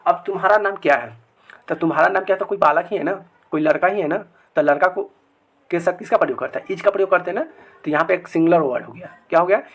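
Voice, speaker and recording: A man teaching English grammar to children in a video lesson, repeating each example sentence slowly several times. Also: a little high, breathy edge. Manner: addresses viewers as children. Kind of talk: Hindi-language grammar lesson.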